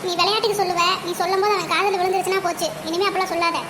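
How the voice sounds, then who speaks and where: Voice actor as bossy cartoon college girl, squeaky, noisy track. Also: fairly even intonation, very fast. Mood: scolding. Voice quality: very high, thin cartoon voice. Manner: scolding, bossy. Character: sharp-tongued young college girl. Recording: audible background noise.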